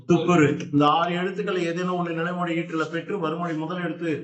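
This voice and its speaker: A man's voice: sits high, roomy sound. A man teaching a grammar lesson in a classroom, explaining step by step and putting questions to his students.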